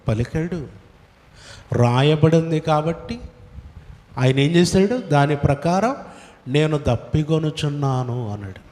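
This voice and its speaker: An Indian pastor preaches a sermon in a high, somewhat mellow voice, firing rhetorical questions at his congregation. The recording was made in a church hall, echoey, and his voice sounds distant.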